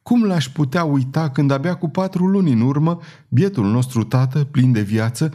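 A man's voice: fairly high pitch, warm tone, lightly acted. A man voicing a timid, tearful young girl who speaks hesitantly and shyly, in a storybook reading. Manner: hesitant, trembling, shy.

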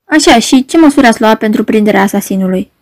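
A woman voicing a calm male doctor who asks gentle, measured questions in a storybook reading. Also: sits high, no room sound. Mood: coaxing.

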